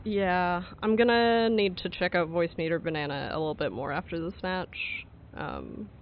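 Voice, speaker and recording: A man's voice: high voice, very animated, normal speed. A man co-streaming in casual chat over a voice call, his voice muffled as if coming through a wall. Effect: muffled, as if talking through a wall. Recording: muffled phone-like voice call with faint noise.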